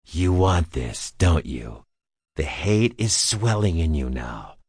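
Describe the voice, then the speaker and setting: An actor playing a sinister old male emperor, a gloating tyrant who taunts slowly in a husky, menacing voice. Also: a bass voice, big pitch swings, a little mellow, no echo, clean studio sound, full character voice. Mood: taunting. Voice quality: gravelly, husky, menacing whisper-like delivery. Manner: slow, taunting, relishing cruelty.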